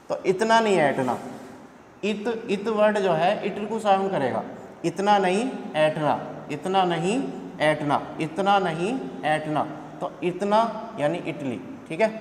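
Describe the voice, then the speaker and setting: Male coaching teacher, high-pitched, repetitive drilling, echoey room, faint noise. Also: animated, slow pace. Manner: repetitive, drilling rhymes and questions to students. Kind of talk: exam coaching lesson with memory tricks.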